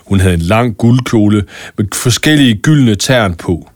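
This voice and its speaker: A man, calmly narrating a children's story. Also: lowish voice, no echo, clean studio sound.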